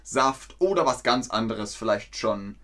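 A man teaching an online German lesson to learners, speaking slowly and clearly, repeating words and quizzing his viewers. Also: medium pitch. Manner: lively, with quiz questions to viewers.

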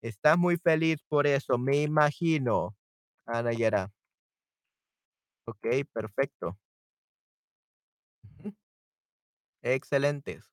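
A man's voice: mid-range voice, dry recording, clean studio sound. A man teaching a live online Spanish lesson, reacting to viewers' comments by name and repeating his explanations in English. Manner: slows down and stretches out example words.

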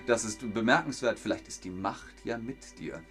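A man's voice: on the low side, moderate pace, fairly bright tone, husky, soft background music. A man chatting casually on a live stream, reading viewer comments aloud with many hesitant fillers. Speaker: streamer hosting a fan quiz.

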